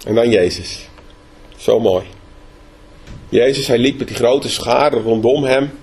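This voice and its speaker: A man's voice: mid-range voice, slow pace, darkish tone, slightly rough. A man preaching a sermon in a conversational way, often asking the listeners questions. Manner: conversational, asks rhetorical questions.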